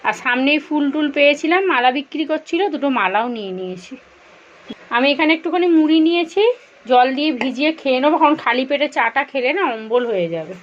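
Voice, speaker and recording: A woman's voice: high-pitched, animated, quick pace. A woman talks to her viewers in an easy, chatty way while she goes about her day at home. The sound is a dull, lo-fi phone recording made indoors in a kitchen. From India. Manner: chatty, addresses viewers directly. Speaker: vlogger. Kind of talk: casual home vlog narration.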